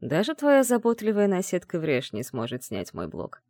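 A man's voice: normal speed, no room sound, studio quality. Man playing a smug, commanding mage. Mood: mocking, calm. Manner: calm, mocking, low-voiced taunts. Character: arrogant, commanding male mage mentor. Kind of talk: audiobook dialogue reading.

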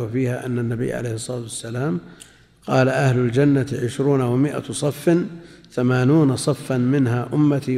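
A male scholar delivering a religious lesson, talking at a measured pace and repeating key phrases as he explains them. His voice sits at an ordinary middle pitch. The recording carries a long reverb, as if made in a large hall. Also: creaky, darkish tone. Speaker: Islamic scholar. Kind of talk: lecture explaining hadith commentary.

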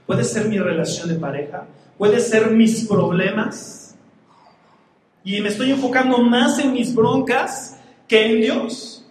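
A man preaching a sermon, animated, firing rhetorical questions at his listeners. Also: high voice, slow. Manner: animated, rhetorical questions, acts out quoted voices. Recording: echoey hall, faint background noise.

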